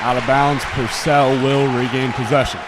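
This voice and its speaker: A young male student, a teen or young adult, calls live basketball play-by-play in clipped phrases that track each action, his medium-pitched voice steady at normal speed. The noisy gym behind him carries a loud crowd, general ambience and bouncing balls.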